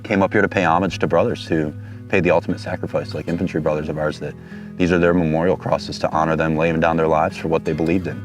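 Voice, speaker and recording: A man in his thirties from Detroit, a Marine captain giving an earnest, halting personal testimony. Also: very deep voice, little pitch movement, faint music behind. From Detroit, Michigan, USA. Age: 30s. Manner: earnest, halting, searching for words.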